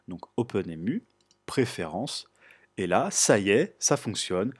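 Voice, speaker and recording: Homme à la voix grave et voilée. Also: male voice, fairly low pitch, unhurried, breathy edge, dry recording, studio quality. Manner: relaxed, explanatory, frequent "euh" fillers. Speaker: tutorial host. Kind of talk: screen-recorded tech tutorial.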